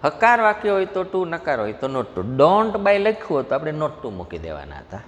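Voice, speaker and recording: A man with a Gujarati accent teaching English grammar, explaining each step patiently, reading example sentences slowly and asking the class questions. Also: on the high side, wildly swooping pitch, a bit bright. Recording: faint noise, long hall reverb.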